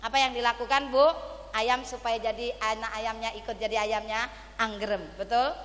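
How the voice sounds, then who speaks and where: Animated East Javanese woman preacher. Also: fairly high pitch, moderate pace, long reverb tail. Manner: animated, keeps asking the audience to answer. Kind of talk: lively religious sermon. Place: graduation ceremony venue.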